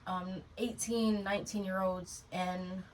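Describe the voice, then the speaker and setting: Speaking slowly in a steady, medium-pitched voice, this twenty-something podcast co-host keeps the chat casual, blunt, and full of slang like "dude" and "bro." A distant mic captures her with faint noise.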